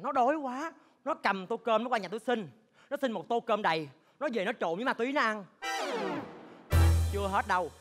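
A high, bright, sharp-tongued old gossip woman, as a man puts her on, rattling off scandal at a quick clip in a Southern Vietnamese accent. She is a meddling drink seller in a stage comedy sketch, exaggerated and chattering. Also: heavily acted.

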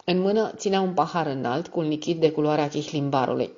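A woman narrating an audiobook in a steady, even reading style. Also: low voice. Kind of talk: scripted narration. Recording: dull lo-fi audio.

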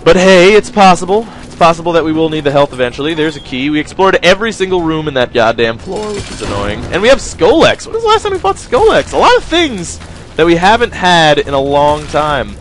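A young gaming host talks over a video game with a fairly high, very animated voice at a brisk clip. He rambles casually, jokes, mocks himself and chats with his viewers while faint game music plays behind him.

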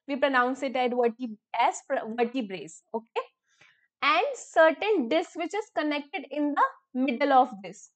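A woman science teacher with an Indian English accent gives an online lesson. She mixes English and Hindi and keeps checking with "okay?". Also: high voice. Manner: filler-heavy, repeats terms slowly for students.

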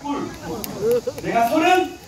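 A man's voice: extremely high pitch, very animated, slow. A man in his late thirties acting as emcee at a live outdoor show, teasing and joking with the audience about himself. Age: 30s. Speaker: emcee of a traditional performance. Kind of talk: live crowd banter. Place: outdoor performance ground. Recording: echoey, distant mic, loud crowd. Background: audience crowd.

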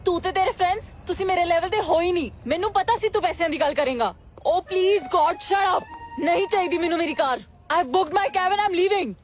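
A woman's voice: very high voice, normal speed, slight background noise. A woman with a Punjabi accent speaking haughtily and dismissively.

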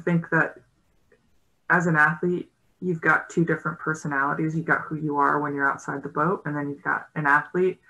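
A woman in her thirties with a low, gravelly, pushed and bright voice speaks on a video call, and the audio is poor. She is a guest rower on a casual panel discussion, talking from a room at home through a laptop mic in a thoughtful, hesitant way full of fillers.

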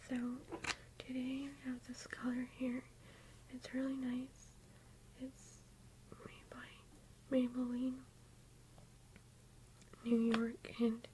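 Whispering young woman, soft and hushed. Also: a little high, monotone, slow pace, long pauses, a little hiss or hum, poor audio. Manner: soft unvoiced whisper, gushing compliments; rambling with fillers like "like" and "um". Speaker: ASMR YouTuber. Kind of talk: whispered ASMR makeup roleplay.

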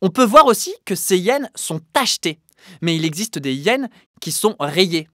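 A woman's voice: on the low side, very animated, unhurried, no echo, clean studio sound. A woman hosting a children's educational video, playful and exclamatory, with jokey asides to the animals. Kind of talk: lively presenting to children. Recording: music playing under the voice.

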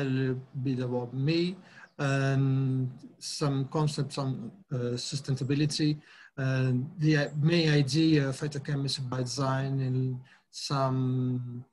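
A middle-aged Brazilian guest lecturer, with a Brazilian Portuguese accent, gives a halting academic webinar talk over a video call, full of fillers and restarts. His pitch is medium, and the audio quality is poor.

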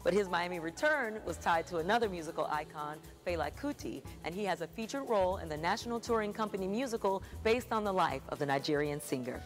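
A woman's voice: on the low side, animated, fast, hardly any pauses, faint music behind. A woman hosting an arts program, reading scripted narration with a polished presenter delivery. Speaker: host.

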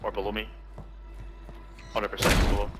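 A man in casual squad voice chat, making rapid, excited callouts to his team. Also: lowish voice, loud music behind the voice. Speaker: gamer teammate. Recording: loud gunfire and game noise.

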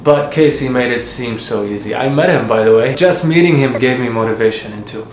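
A man in his twenties casually answering viewer questions in a relaxed, chatty way, with lots of fillers and restarts. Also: mid-range voice, a little fast. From Canada and Qatar. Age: 20s. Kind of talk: casual Q&A vlog. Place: home office, then outdoor courtyard. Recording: echoey room with clear background noise.

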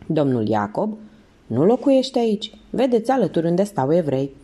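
A woman voicing a suspicious, gossipy female concierge who answers quickly and defensively. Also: on the low side, big pitch swings, warm tone. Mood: indignant.

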